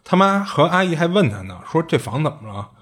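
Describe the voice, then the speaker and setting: A man's voice: fairly high pitch, sing-song, a little fast, fairly bright tone, husky. A man casually retelling a strange story, chatty and colloquial, often circling back with little restarts and asides.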